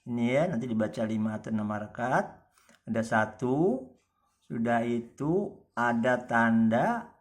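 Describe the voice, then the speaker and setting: A man's voice: mid-range voice, vocal fry. A man teaching tajwid, patiently explaining reading marks and stretching out recited example words.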